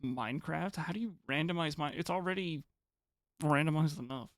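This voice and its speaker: A man's voice: a little high, moderate pace, no room sound, clean studio sound. A man streaming live, chatting casually with viewers in a rambling, hesitant way, often restarting his sentences. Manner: reads and answers chat messages.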